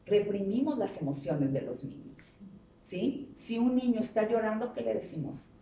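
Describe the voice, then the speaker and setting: A woman's voice: medium pitch, lively intonation, normal speed, dark tone, a little hiss or hum. A woman psychologist, guest on an interview show, explaining patiently and asking rhetorical questions. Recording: roomy sound from a distance.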